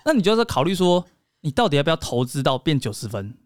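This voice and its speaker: A man's voice: fairly high pitch, very animated, quick pace, darkish tone, clean tone, no room sound. Joking man in a casual chat. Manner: joking, rambling, laughs often. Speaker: podcast co-host.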